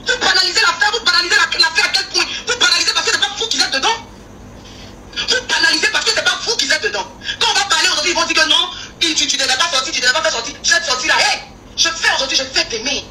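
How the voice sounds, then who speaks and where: A woman scolding fans in a live video, fast and pointed. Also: extremely high pitch. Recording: far-off echoey live-video audio with faint noise.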